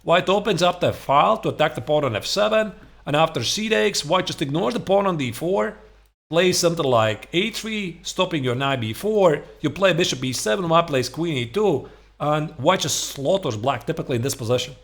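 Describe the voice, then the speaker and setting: Lively, higher-voiced man teaching chess. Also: normal speed, gravelly. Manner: conversational, emphatic, rhetorical check-ins like "right?". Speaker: chess coach and streamer. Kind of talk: instructional chess commentary, explaining opening lines. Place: small home room, indoors.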